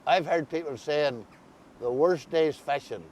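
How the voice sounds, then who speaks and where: A man with an Ulster accent hosts a conversational interview outdoors beside a river. His voice is somewhat slow and darkish in tone, and faint outdoor rumble and noise run under the recording.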